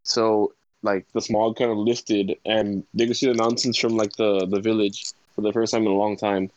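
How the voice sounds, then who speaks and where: Young man, lower voice, halting casual talker, dry and slightly dull recording. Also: level tone, no echo. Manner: halting, full of "like". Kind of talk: casual chat.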